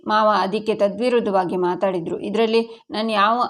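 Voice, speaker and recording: A woman's voice: mid-range voice, fairly even intonation, normal speed, close to an everyday voice. Woman reads wounded young daughter-in-law, tearful lines in a serial recap. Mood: hurt. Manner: wounded, complaining.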